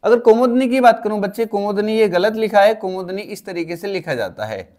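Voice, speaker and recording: High-voiced male Hindi tutor. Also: a little fast. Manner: calls students "kids" often, steady explaining. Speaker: teacher. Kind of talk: exam-prep lesson.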